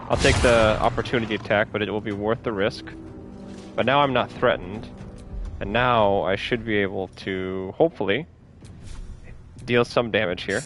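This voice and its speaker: A man's voice: lowish voice, steady tone, normal speed, over music. A man giving casual, upbeat commentary while playing a game, thinking aloud about each move. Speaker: gameplay streamer.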